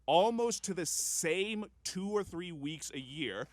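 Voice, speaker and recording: A man's voice: high voice, lively intonation, slow, no echo. Insistent man lecturing in a debate. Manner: lecturing, insistent, talks over others. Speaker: podcast co-host. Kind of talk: heated casual debate.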